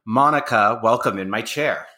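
A man's voice: medium pitch, moderate pace, pushed and bright. A man hosting a podcast interview, reading a guest introduction and then chatting loosely with filler words. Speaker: podcast host, makeup artist. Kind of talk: conversational interview.

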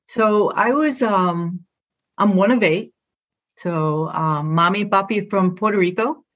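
A woman's voice: mid-range voice, measured pace, highs cut off. A middle-aged woman with a Brooklyn accent, a guest talking proudly and upbeat in short phrases about her work as an athletic director. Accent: Brooklyn New York. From Brooklyn, New York. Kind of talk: conversational interview.

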